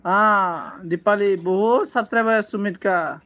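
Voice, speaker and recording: Guy doing a chill live stream, reads comments out slow, teases people, keeps coughing, kinda high voice. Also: sharp tone. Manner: slow, playful teasing banter with frequent coughs. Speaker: live-stream host reading viewer comments. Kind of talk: casual live-stream chat.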